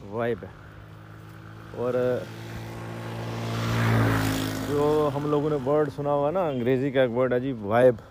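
A man's voice: mid-range voice, mellow, slight background noise. A man in his thirties with a Pakistani Punjabi accent, chatting and explaining as he walks through farm fields, filmed on a phone at arm's length. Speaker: real estate vlogger. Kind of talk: walking vlog with commentary. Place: outdoors in open farm fields. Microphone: phone camera held at arm's length.

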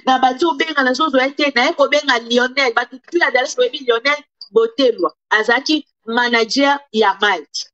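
A woman with a high, bright, sharp voice delivers indignant commentary as a YouTuber. She slips between Lingala and French as she talks to camera. The recording sounds dull and lo-fi. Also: normal speed.

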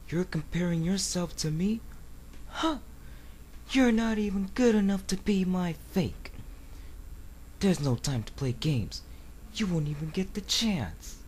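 A man acts out a haughty, menacing hedgehog antihero from a video game. His delivery is slow and dramatic, with big swings in pitch. There is clear noise on the amateur recording. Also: a little mellow. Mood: haughty, challenging. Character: brooding, arrogant male hedgehog antihero, intense and menacing. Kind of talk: video game character voice demo. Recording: noisy amateur home recording.

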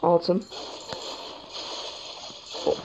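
A man with a sore throat giving excitable gameplay commentary, swearing at the game as he plays. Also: extremely slow, over music. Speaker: gaming channel host. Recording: dull lo-fi mic with faint hiss.

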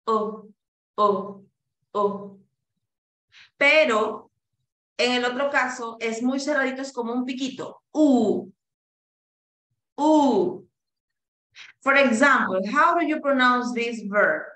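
A woman leads a pronunciation lesson, drawing out each vowel so her students can copy it. Her voice is bright and fairly high, and she speaks very slowly. The room around her has a noticeable echo. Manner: slow and deliberate, drawing out each vowel and code-switching to English. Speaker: pronunciation teacher. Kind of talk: classroom lesson, modeling sounds for students to repeat.

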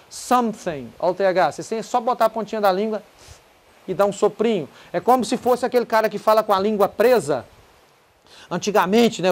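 Brazilian man teaching English pronunciation. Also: sits high. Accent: Brazilian Portuguese. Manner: explains patiently, then sings short song lines with a guitar; repeats words slowly to show pronunciation. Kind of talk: casual video lesson.

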